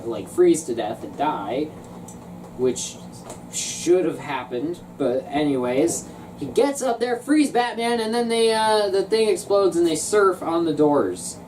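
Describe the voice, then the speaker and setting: A woman with a very low voice reviews a film in a loose, joking way, her pitch swinging widely as she talks. Her tone turns sarcastic. She sounds set back from the microphone, with clear background noise around her. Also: expressive, unhurried, a little mellow. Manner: sarcastic, bursts into shrieking laughter. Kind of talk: casual comedic movie review. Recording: distant mic with noisy background.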